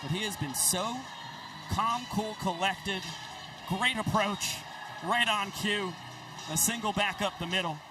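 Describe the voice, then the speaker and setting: A man's voice: high voice, unhurried, pauses often, far from the mic, background noise. A man calling a baseball game as a play-by-play broadcaster, in short punchy phrases. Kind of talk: sports play-by-play commentary.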